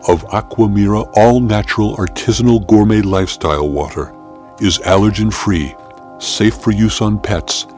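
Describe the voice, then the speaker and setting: A man reading a mock luxury water commercial in a smooth, pompous announcer voice. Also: on the low side, normal speed, darkish tone, soft background music.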